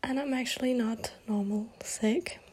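A young woman with a hoarse, sick voice, hosting her own podcast in a rambling, half-whispered chat. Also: on the high side, a little slow, a little mellow. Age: young adult. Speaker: podcast host. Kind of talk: casual solo podcast chat.

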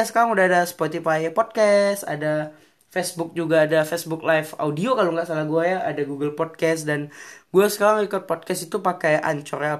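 A man's voice: fairly high pitch, a bit bright. A young man with a slurred, unrolled r, rambling casually and unscripted as a podcast host. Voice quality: slurred r, cannot roll it. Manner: rambling, thinking aloud. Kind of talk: unscripted casual solo chat.

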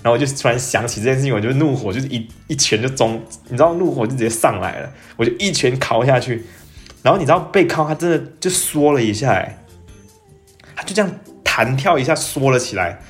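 A young man, telling a personal story in a casual, animated podcast monologue and dropping English phrases into his talk. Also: quick pace, soft background music. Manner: animated, jumps up in pitch when excited, mixes in English phrases. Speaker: podcast host.

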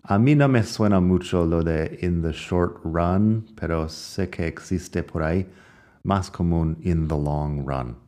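A man with a very deep voice teaches English at an unhurried pace. He reads his English examples twice in an American accent and explains them patiently. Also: dark tone. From United States. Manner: explains phrases slowly, reading each English example twice. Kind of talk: language lesson narration.

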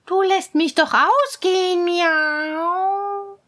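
Brief: a woman putting on a scheming storybook cat, meowing, higher than her own voice, slow and drawn out. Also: steady tone, fairly bright tone, full character voice. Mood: sly. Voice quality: meowing, purring. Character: sly, greedy female cat.

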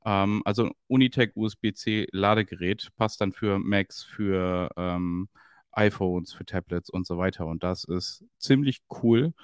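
Relaxed man with a low voice. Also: unhurried, clean tone, no room sound, studio quality. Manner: relaxed, knowledgeable, slangy. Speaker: podcast co-host. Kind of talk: casual chat.

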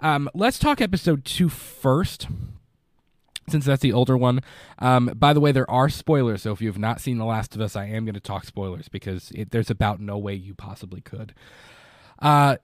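In a dry, clean studio recording, a young man talks at a moderate pace in a medium-pitched, congested voice. He's the host of a casual movie podcast run from his basement, rambling and repeating words during a live review.

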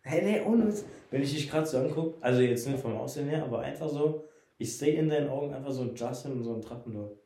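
A man's voice: mid-range voice, expressive, fast, dark tone. A young man co-hosting a podcast, chatting casually and teasing his friend with joking banter. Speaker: podcast co-host. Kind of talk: casual chat. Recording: echoey room.

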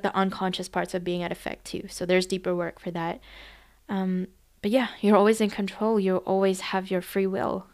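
A woman's voice: medium pitch, smooth. A woman coach and timeline therapist talking casually, telling stories about clients in quoted dialogue and using lots of fillers. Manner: conversational, retells client sessions with quoted dialogue, many fillers. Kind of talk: casual podcast monologue.

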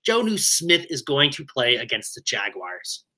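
Man, co-host, bright tone, upbeat quick asides, casual news rundown. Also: huge pitch swings. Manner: upbeat, quick asides, jumps up in pitch on names. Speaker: fantasy football podcast co-host.

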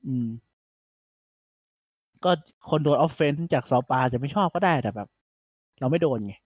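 Male podcast host, slightly high voice, animated and filler-heavy, dry close sound. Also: a little slow, dry recording. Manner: chatty, animated retelling with many fillers. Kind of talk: casual podcast chat.

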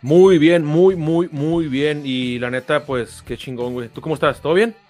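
A man's voice: on the high side, moderate pace, a little mellow, soft background music. A man with a Mexican accent co-hosting a podcast, chatting casually in rambling, heavy slang. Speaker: podcast co-host. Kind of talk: casual chat.

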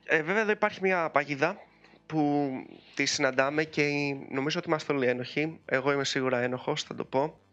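A man hosting a podcast in casual chat, talking in a chatty, animated way with frequent fillers. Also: fairly high pitch, muffled recording, faint music behind. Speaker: podcast host.

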